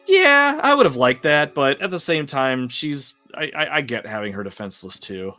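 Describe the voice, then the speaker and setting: Soft background music plays as a man chats through his livestreamed game, wandering from topic to topic, laughing frequently and addressing his chat. He sounds slightly high-pitched, very animated and forceful, bright in tone, speaking at an ordinary speed.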